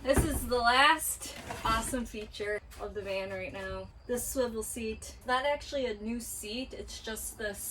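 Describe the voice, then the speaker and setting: A woman's voice: a little high, measured pace, few pauses, sharp tone, slight background noise, poor audio. A young woman giving a casual, joking tour of her van build, upbeat and chatty as she walks through it. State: out of breath. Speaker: vlogger. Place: inside a parked van.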